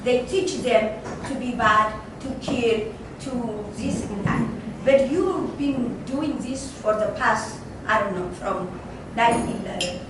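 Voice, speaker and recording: Slow halting woman in her 60s from ethiopia asking a question, far off in an echoey noisy restaurant. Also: fairly high pitch. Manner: halting, repetitive, earnest phrasing. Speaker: audience member asking a question. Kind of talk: impassioned question from the floor. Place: restaurant dining room. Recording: roomy, distant, noisy restaurant.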